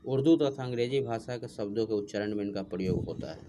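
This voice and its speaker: A male teacher giving a recorded online class lesson. He explains step by step, clears his throat now and then, and keeps checking in with his students. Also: fairly low pitch, fast, mellow, slight background noise.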